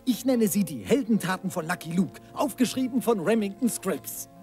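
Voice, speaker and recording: A man's voice: sits high, lively intonation, moderate pace, mellow. A man voicing an inquisitive, admiring, bookish journalist who speaks formally in a dubbed cartoon. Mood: eager, curious. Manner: formal, eager questioning. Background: music.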